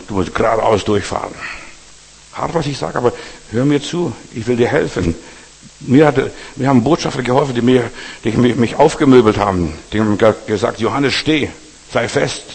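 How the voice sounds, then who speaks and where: Husky preacher man in a reverberant hall. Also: medium pitch. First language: not German. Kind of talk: sermon.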